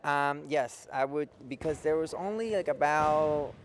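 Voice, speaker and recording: A man's voice: fairly high pitch, a little slow, slight background noise. Man from Peru coaching, saying "okay?". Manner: explains simply, keeps adding "okay?" to check in. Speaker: youth futsal coach. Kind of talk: local cable TV interview. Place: indoor futsal facility.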